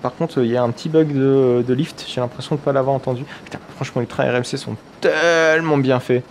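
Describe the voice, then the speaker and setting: A man's voice: medium pitch, steady tone, fairly quick, a little hiss or hum. A man giving chatty, enthusiastic let's-play commentary on a video game, thinking aloud as he goes.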